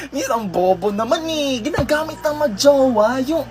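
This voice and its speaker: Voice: sits high, lively intonation, a little slow, music in the background. A performer doing brash, teasing comic skits, switching between school and shop characters with slangy back-and-forth. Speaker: comedy skit creator playing every part.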